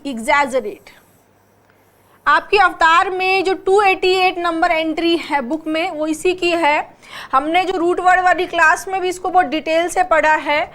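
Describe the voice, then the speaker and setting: A woman with a strikingly high voice leads an online exam-prep class. She talks slowly and deliberately, spelling words out one letter at a time and checking understanding with rhetorical questions. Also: fairly bright tone. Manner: explains patiently, quizzes with rhetorical questions. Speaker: English teacher for exam prep.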